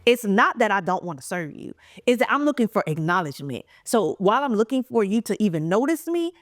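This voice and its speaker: A woman co-hosting a podcast in casual chat, animated, acting out quoted exchanges and laughing often. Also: medium pitch, brisk, no room sound, studio quality. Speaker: podcast co-host.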